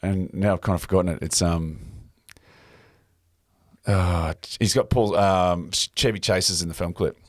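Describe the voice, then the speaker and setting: A man's voice: sits low, fairly even intonation, unhurried, no room sound, studio quality. A man hosting a casual chat in a sauna, rambling with lots of fillers and frequent laughter. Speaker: podcast host.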